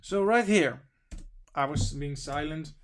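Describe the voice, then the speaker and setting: A man with a slightly raised pitch hosts a casual livestream, reading articles and viewer comments aloud as he goes. His delivery is loose and wandering, and he sounds sniffly from allergies. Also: lively intonation, takes it slowly, background noise. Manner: reads news and chat aloud, wandering and informal. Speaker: stream host.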